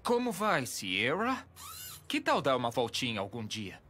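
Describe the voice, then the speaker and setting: An actor playing an awkward teenage fast-food worker in an animated series dub, sarcastic and hesitant. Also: male voice, medium pitch, soft background music, full character voice.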